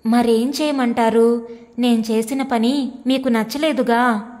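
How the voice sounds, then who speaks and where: A woman's voice: on the high side, steady tone, slow pace, darkish tone, big-room sound. A woman reading the part of a timid young housewife who speaks hesitantly and pleads. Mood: hurt pleading.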